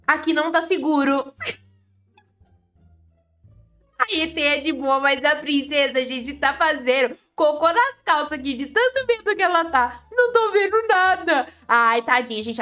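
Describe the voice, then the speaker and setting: A Brazilian woman with a high, bright voice gives excited gameplay commentary. She talks in a playful, dramatic way, full of fond and teasing exclamations. Faint game music plays behind her. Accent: Brazilian Portuguese. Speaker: gaming YouTuber.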